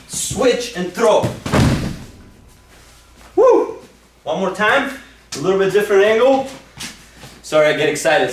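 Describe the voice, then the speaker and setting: High-pitched and captured on a distant mic with slight background noise, a man leads an instructional wrestling demo in an echoey room. Full of enthusiasm, he guides students step by step, saying "okay?" and "super" again and again.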